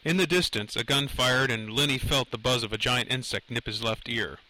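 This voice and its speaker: A man's voice: mid-range voice, moderate pace, bright, forceful tone, poor audio. A man narrating a thriller audiobook in a tense, dramatic reading.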